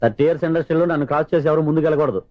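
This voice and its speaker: A man playing a self-important veteran film star who keeps cutting in with pompous lines. He speaks very fast in a somewhat high voice. Faint music runs underneath. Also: darkish tone, no echo, natural voice. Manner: pompous, interrupting. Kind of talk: film comedy scene.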